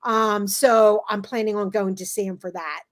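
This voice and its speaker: A woman in her seventies, a podcast guest, telling lively stories in casual chat. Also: mid-range voice, normal speed, a crowd in the background. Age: 70s. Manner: lively storyteller.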